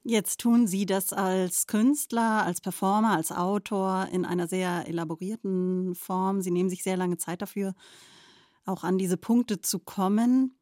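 A woman interviewer asking formal, measured questions of a guest. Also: medium pitch, fairly even intonation, darkish tone, no room sound, clean studio sound. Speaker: radio interviewer.

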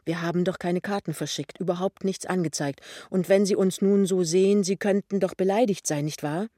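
A man's voice: high-pitched, fairly even intonation, a little fast, dark tone, dry recording, studio quality, lightly acted. A man voicing an anxious, hasty and embarrassed young husband in an audiobook.

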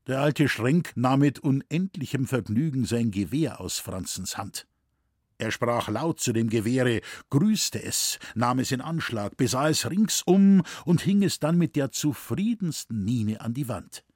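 Husky male audiobook narrator, dry close sound, steady delivery. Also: medium pitch, unhurried, dry recording. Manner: steady storytelling with voiced dialogue. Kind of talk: scripted narration of a novel.

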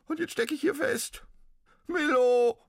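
A squeaky, frantic little ghost. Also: male voice, slow, no room sound, clean studio sound, full character voice. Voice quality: squeaky, shrill. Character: squeaky trapped male ghost, frantic and cheeky. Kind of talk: storybook reading.

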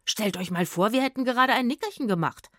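A woman voicing a cheeky, grumpy, always-hungry young male vagabond musician who talks loudly and theatrically in an audio storybook. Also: medium pitch, animated, moderate pace, no room sound, clean studio sound, natural voice. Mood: indignant. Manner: loud, whiny and theatrical.

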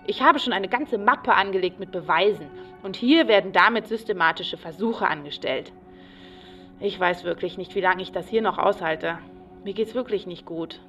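A woman's voice: medium pitch, moderate pace, fairly bright tone, far from the mic, faint music behind, natural voice. An actress voicing an agitated, paranoid woman psychiatric patient who rambles obsessively in a radio play. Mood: fearful.

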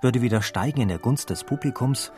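A man reading a scripted documentary narration in a measured, even storytelling manner. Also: mid-range voice. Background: faint classical music.

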